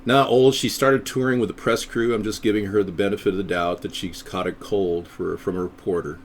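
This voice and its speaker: This third-party candidate, a middle-aged man from the U.S., runs a live stream where he rambles with a sardonic edge and drops into goofy voices. His voice sits lowish and steady, and he talks fairly quickly over slight background noise.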